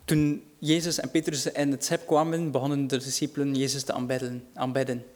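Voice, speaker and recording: Guy giving a sermon, earnest and reassuring, gets louder on the big lines. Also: mid-range voice, little pitch movement, brisk. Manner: earnest, reassuring, rises in volume for dramatic quotes. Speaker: preacher.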